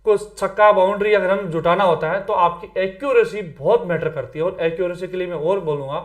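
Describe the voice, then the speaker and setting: This high-pitched man from Rajasthan, India, delivers a casual Hindi exam-prep lecture at a brisk clip with fairly even intonation. He's chatty, sprinkles in English words, and often adds "theek hai."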